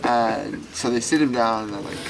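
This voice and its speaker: Pria muda, aksen Inggris, bercerita santai, banyak "like", suara serak, latar kendaraan berisik. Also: male voice, medium pitch, normal speed, vocal fry, very noisy. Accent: British. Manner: chatty, many fillers and "like". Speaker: storyteller. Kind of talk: casual oral storytelling.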